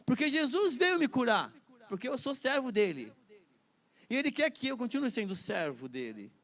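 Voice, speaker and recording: A man's voice: very high-pitched, sing-song, moderate pace, fairly bright tone. A man teaching a Bible study lesson in a chatty way, laughing often and repeating words.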